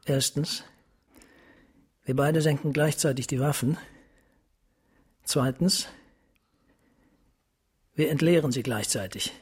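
In a radio drama, a man plays a grave, resigned police captain, delivering his lines deliberately and formally in a husky, commanding voice of medium pitch. The mood is tense and authoritative.

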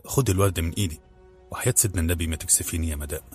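A man's voice: deep voice, steady tone, fast talker, faint music behind, natural voice. Man doing a stammering, pleading young man. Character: anxious pleading young male doorman.

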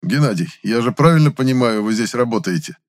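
A man voicing a polite, formal older male official with a measured, courteous manner. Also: mid-range voice, expressive, voice pushed up, lightly acted.

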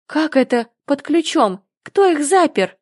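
A woman's voice: sits high, very animated, measured pace, no room sound, clean studio sound. A woman playing a prim, earnest young girl. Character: earnest polite young girl, easily offended.

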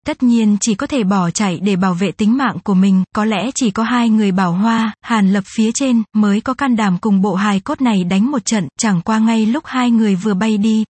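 A woman narrating a fantasy novel in a steady, even reading style. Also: medium pitch, husky, no echo. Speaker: audiobook narrator.

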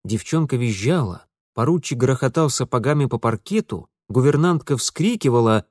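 A man's voice: medium pitch, no echo, studio quality. A man narrating an audiobook expressively, voicing every character himself. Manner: expressive, plays all the voices.

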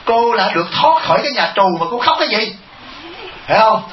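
A man's voice: high voice, lively intonation, brisk, a little hiss or hum. A male Buddhist monk giving a humorous dharma talk, asking the audience rhetorical questions and chuckling. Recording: echoey, muffled hall recording.

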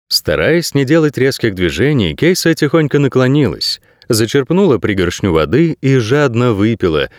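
A man narrating an audiobook in a measured, expressive storytelling voice. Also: fairly low pitch, dry recording, clean studio sound. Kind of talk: scripted narration.

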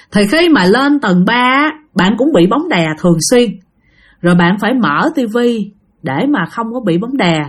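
A woman's voice: medium pitch, husky. A woman with a Southern Vietnamese accent hosts a ghost story channel and tells each story in a loose, chatty voice. She often turns to speak straight to her listeners, and she has a slight cough. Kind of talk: casual spoken storytelling.

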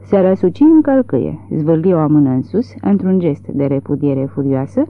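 An audiobook narrator reading a literary novel with expressive, dramatic storytelling, on tinny phone-like audio. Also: medium pitch, no room sound.

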